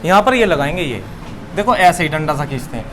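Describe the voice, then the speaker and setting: A young man with a high voice teaches a lesson, repeating each key term and posing questions he answers himself. There is a faint hiss of room noise behind him. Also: very animated, fairly quick, a bit bright. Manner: repeats key words, asks and answers his own questions. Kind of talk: classroom lesson.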